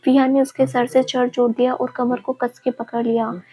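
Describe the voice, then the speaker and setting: A woman storyteller reads a family story aloud in an even, steady way. Her voice sits fairly high and stays level, with little rise and fall. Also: normal speed, low-quality recording. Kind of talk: storybook narration.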